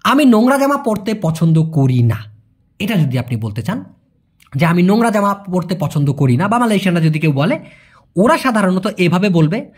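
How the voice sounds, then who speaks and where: A man teaching a language lesson in a chatty way, drilling words slowly, repeating them and asking rhetorical questions. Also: sits high, breathy edge. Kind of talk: Bengali-language lesson teaching Malay phrases.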